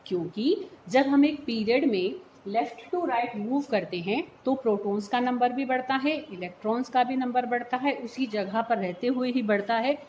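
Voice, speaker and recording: A woman's voice: fairly high pitch, moderate pace, darkish tone. A woman chemistry teacher giving a patient step-by-step lecture, often checking whether her students follow. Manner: patient, explains step by step, checks understanding by calling students "beta". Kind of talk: classroom lecture mixing Hindi and English terms. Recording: echoey room, faint background hum.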